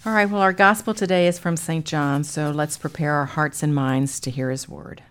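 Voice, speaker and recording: Low-pitched woman hosting a religious program. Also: steady tone, normal speed, clear, resonant tone. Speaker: program host.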